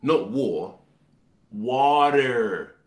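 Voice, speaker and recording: A man's voice: mid-range voice, expressive, very slow. A man playing a young customer explaining himself. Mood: calm, insistent. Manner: patient, slightly exasperated explaining. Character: irritated young man ordering food. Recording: roomy clip with faint guitar music.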